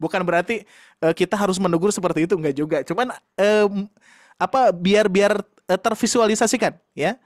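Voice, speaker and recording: A man's voice: high-pitched, a little fast, no room sound, clean studio sound. A man teaching Quran recitation in an online class, explaining patiently and demonstrating sounds with light laughs.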